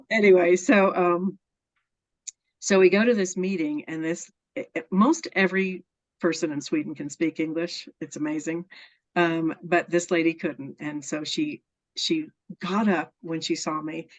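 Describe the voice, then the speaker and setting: A woman's voice: lowish voice, steady tone, a little slow. A woman being interviewed, telling personal stories in an earnest, enthusiastic way and laughing often. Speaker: interview guest. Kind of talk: casual storytelling interview. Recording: dull lo-fi sound.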